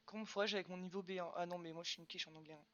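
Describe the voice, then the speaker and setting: A woman's voice: on the low side, fairly even intonation, rapid-fire, muffled recording, a crowd in the background. A young woman chatting casually on a game stream, answering chat questions with lots of fillers. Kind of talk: casual live-stream chat while gaming.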